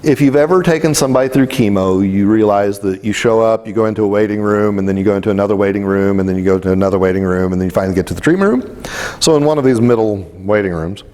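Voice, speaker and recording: A man's voice: fairly low pitch, fast talker, mellow, in a large hall. A man giving a motivational talk, telling stories in a blunt, casual way. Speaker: spiritual speaker.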